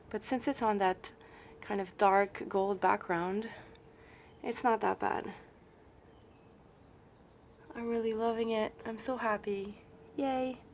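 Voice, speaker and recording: A woman's voice: mid-range voice, a little hiss or hum. A middle-aged woman artist with a sick voice, chatting upbeat and casual to her viewers about her paintings.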